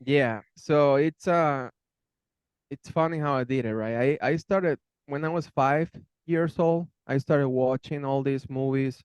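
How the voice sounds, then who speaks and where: This interviewee, also a channel host, is a Venezuelan man in his thirties answering questions in English with a Venezuelan Spanish accent, friendly in manner and often repeating words as he looks for phrasing. The voice is medium in pitch, a little slow and darkish, with a clean tone and no echo.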